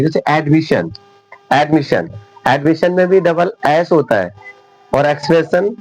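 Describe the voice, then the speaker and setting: A male teacher talks through an English lesson, his throat sore and rough. His pitch rises and falls a lot as he patiently spells words out letter by letter. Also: a little mellow, low-quality recording. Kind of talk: spoken Hindi English lesson.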